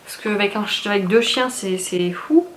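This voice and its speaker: A young woman vlogger rambles casually about her shopping in a haul video, using fillers and restarts. Her mid-range voice moves at normal speed in an echoey room with faint noise.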